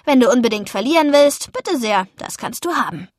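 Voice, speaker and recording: A woman voicing a cheeky, boastful young boy who taunts and shouts when he brags in a storybook reading. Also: a little high, animated, fairly quick, dry recording, studio quality, close to an everyday voice. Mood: smug. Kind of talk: audiobook character voice.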